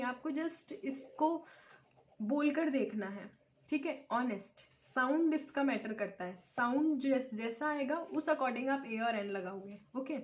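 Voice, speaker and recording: A woman teaching an English grammar lecture, explaining step by step and often checking with her students. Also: high voice. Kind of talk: classroom lecture.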